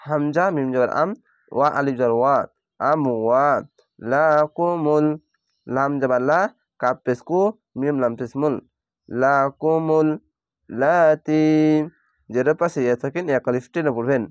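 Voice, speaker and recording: A man teaching Quran reading in Bengali, spelling out each letter and vowel mark before blending the full word, with calm step-by-step explanations. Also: mid-range voice, moderate pace, no room sound, studio quality. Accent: Bangladeshi Bengali. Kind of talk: slow spelled-out recitation lesson.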